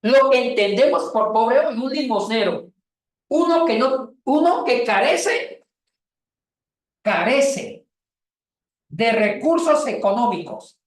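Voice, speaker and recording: A woman leads a Bible lesson in a classroom. Her pitch jumps around a lot as she explains and jokes with the students. The room is echoey. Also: slow, pauses often, distant mic. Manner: lively, calls on students by name, jokes. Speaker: Bible teacher.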